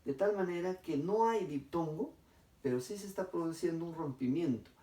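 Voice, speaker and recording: Man teacher, methodical classroom explainer, mellow tone, roomy distant sound. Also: a little high. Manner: methodical, addresses class, dictates slowly syllable by syllable. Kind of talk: grammar lesson. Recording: echoey room, distant mic.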